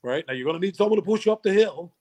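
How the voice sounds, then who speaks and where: Chatty man, fairly high voice. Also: expressive, racing, darkish tone. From Newfoundland, Canada. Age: middle-aged. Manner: chatty, laughs often, repeats words when starting sentences. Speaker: guest, local tourism voice. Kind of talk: casual chat.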